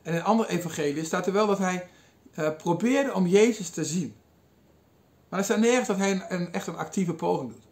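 A man's voice: high-pitched, a little fast, creaky. A man giving a sermon, retelling a Bible passage in a storytelling way with some hesitations. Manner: storytelling, quoting figures in lively asides, some hesitations. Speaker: preacher.

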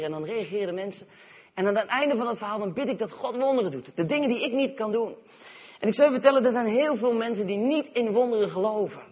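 A man's voice: sits high, husky. A man from the Netherlands preaching a sermon, telling the story vividly and acting out voices. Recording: dull sound, long hall reverb.

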